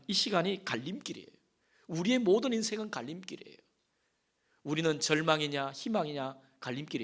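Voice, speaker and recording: A male pastor delivers a sermon from the pulpit, his somewhat high voice climbing and swelling for emphasis. He questions the congregation and slips into folksy storytelling. The recording comes from a church sanctuary. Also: a bit bright. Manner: folksy storytelling with asides and affirming "yes".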